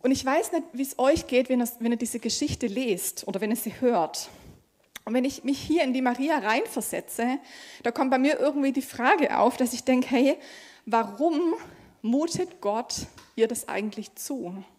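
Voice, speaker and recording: A young German woman training as a pastor reads a scripture passage, then preaches freely in a casual, conversational way with small fillers. Her voice is a little high with a darkish tone, and she speaks at a normal speed.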